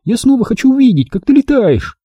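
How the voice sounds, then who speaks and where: A man voicing an eager young girl who pleads and cheers in a high, excited voice. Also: brisk, breathy edge, no echo, exaggerated voice.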